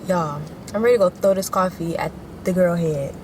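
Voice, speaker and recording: Music plays under the voice and background noise comes through as a young woman, vlogging as a mom, chats casually with her viewers from her car and a store. She speaks at a normal speed in a fairly low voice, blunt and playful and heavy on slang.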